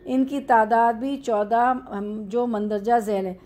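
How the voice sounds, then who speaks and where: A woman's voice: fairly high pitch, fairly even intonation, takes it slowly, darkish tone. A woman with an Urdu accent teaching a classroom grammar lesson, explaining step by step and answering her own questions.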